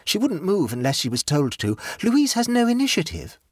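A man's voice: sits high, wildly swooping pitch, normal speed, a little mellow, no echo, studio quality, pitched above the performer's own voice, heavily acted. A man voicing a cheerful, absent-minded society woman who chatters and rambles. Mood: rambling. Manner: breezy, rambling.

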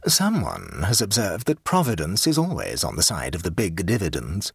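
A man's voice: low-pitched, huge pitch swings, moderate pace, vocal fry, a bit bright, slightly rough, dry recording, clean studio sound, pitched below the performer's own voice, full character voice. A man voicing a witty, languid young dandy with ironic, drawling delivery in an audiobook. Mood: dry. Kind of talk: audiobook character voice.

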